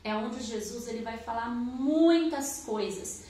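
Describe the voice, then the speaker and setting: A woman leads a children's church service with a high, coaxing voice and a sing-song lilt, pausing often to ask the children questions. She speaks slowly and patiently. The recording is very echoey, as if made in a bare, reverberant room. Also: warm tone. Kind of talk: online children's service and Bible story.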